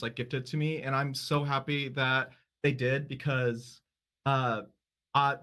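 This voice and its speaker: A man describes a game on a casual panel, pausing often with "uh" as he gathers his thoughts. His voice sits at an everyday middle pitch. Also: fairly bright tone. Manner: hesitant, many "uh" pauses. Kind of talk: casual chat.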